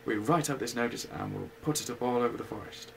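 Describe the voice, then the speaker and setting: A man's voice: medium pitch, quick pace, gravelly, noisy background, lightly acted. A man voicing a pompous, wordy old male owl in a bedtime story, formal and self-assured. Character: pompous wise old male owl, fond of long words.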